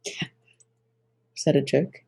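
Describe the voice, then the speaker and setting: A woman's voice: very slow, darkish tone. A woman playing a tabletop game, trading dry, teasing banter. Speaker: player.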